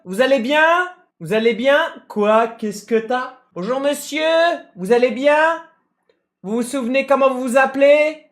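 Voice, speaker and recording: A man putting on the voice of a male firefighter who speaks with slow, overly soothing politeness, as if talking to a child. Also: extremely high pitch, pitched above the performer's own voice. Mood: patronizing. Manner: exaggerated gentle, talking down as if to a child.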